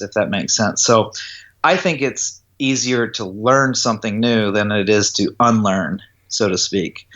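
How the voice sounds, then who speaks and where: A man's voice: lowish voice, fairly bright tone, lo-fi sound. A man who teaches golf putting, explaining his approach in an interview and often checking that the listener follows. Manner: explanatory, checks in with "does that make sense". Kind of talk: interview conversation.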